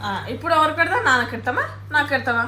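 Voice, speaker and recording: Woman, higher voice, playful teasing tone, echoey room, noisy background. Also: expressive, very fast, sharp tone. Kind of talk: casual family chat. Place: home.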